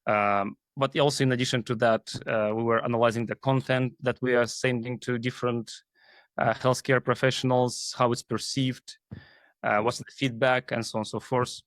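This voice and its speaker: He's a guest in an interview, an AI team leader from Kazakhstan who talks about his job haltingly, leaning on fillers. The medium-pitched, slightly bright voice shows little pitch movement at a moderate pace, with no room sound.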